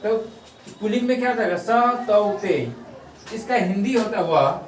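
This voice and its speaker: A man's voice: high-pitched, moderate pace. A man teaching a grammar lesson who drills the class, repeating terms and asking then answering his own questions. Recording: echoey room, mic at a distance.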